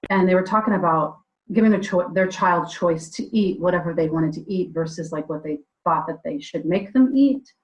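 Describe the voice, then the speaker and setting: Co-host, woman with a lower voice, chatty storyteller on a remote call. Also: moderate pace, few pauses, low-quality recording. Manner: tells stories with quoted dialogue. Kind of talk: casual podcast chat. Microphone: remote call mic. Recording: audio dropouts on a call.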